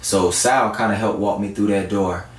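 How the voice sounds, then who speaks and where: A man from South Florida, a guest R&B singer-songwriter, chats casually in an interview. His voice is on the low side, steady in tone, at a moderate pace, recorded on a distant mic with roomy echo and faint noise.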